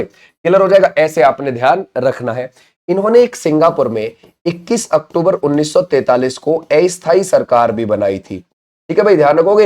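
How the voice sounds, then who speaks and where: A man's voice: on the high side, darkish tone. A man giving an exam-prep lecture who keeps asking questions and answering them himself, with frequent check-in phrases. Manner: drilling, asks and answers his own questions; repeats catchphrases to check understanding. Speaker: exam coaching teacher.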